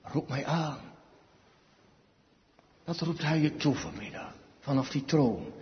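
High-voiced preacher in a reverberant church. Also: male voice, lively intonation. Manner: swings between hushed, slow lines and loud pleading cries. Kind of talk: sermon. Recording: dull sound with long hall reverb.

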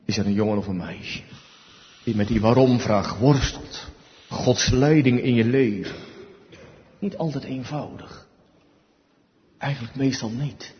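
A man preaching a sermon slowly and emphatically, swinging between hushed and loud passages. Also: mid-range voice. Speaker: pastor. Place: church. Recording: dull sound with long church reverb.

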